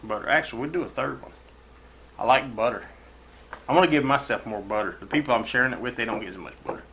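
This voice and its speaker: A man's voice: medium pitch, quick pace, fairly bright tone. A man hosts a casual cooking demonstration in his home kitchen. He rambles and swears freely in a folksy way. The room sounds roomy, with a faint hiss behind him. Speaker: cooking show host.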